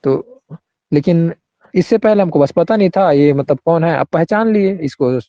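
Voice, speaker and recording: A man teaches an online grammar class, stopping to ask whether everyone follows and calling on students by name. His voice sits a little high but sounds mellow. The recording is dull and lo-fi, with a dry sound. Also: moderate pace, no room sound. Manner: explains with repeated checks, questions students by name.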